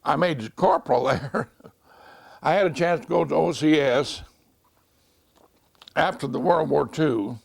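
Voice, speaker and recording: Very gravelly old American veteran remembering. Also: male voice, on the high side, measured pace, pauses often. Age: 90s. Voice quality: gravelly, creaky aged voice. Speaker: World War II veteran. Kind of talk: oral history reminiscence.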